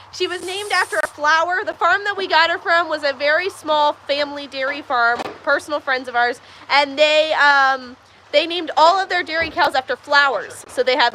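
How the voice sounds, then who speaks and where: A high, bright-toned woman, talking casually to livestream viewers from a farm's milking stall. Chatty and easygoing, she answers questions while handling the cows, and a faint hum of noise sits behind her. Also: low-quality recording. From Texas, USA. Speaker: livestream host. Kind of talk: casual livestream chat while doing farm chores. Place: milking stall in a barn on a farm.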